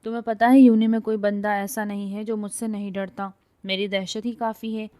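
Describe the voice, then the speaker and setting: A hot-headed young woman with a loud, scolding tongue, forever bragging and bossing people around, as a woman storyteller puts her on. Sharp-edged and quick to snap in an audio storybook. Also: mid-range voice, flat delivery, lightly acted. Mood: bossy. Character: feisty bossy young woman, quick-tempered.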